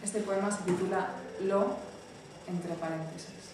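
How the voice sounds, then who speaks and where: A woman poet giving a slow, deliberate reading of her poems at an indoor event. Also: medium pitch, fairly even intonation. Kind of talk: poetry reading. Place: indoor venue with live audience. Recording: echoey room, distant mic, background noise.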